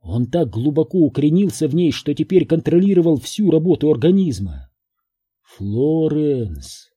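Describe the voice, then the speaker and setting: A man's voice: fairly high pitch, big pitch swings, fairly quick, warm tone, slightly rough. A man narrating a horror audiobook.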